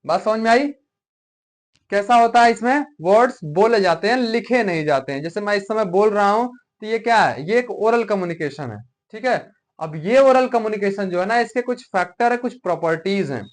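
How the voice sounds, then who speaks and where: A man's voice: sits high, expressive, normal speed. A male teacher from Uttar Pradesh, India, giving a classroom lecture and often asking rhetorical questions to check understanding.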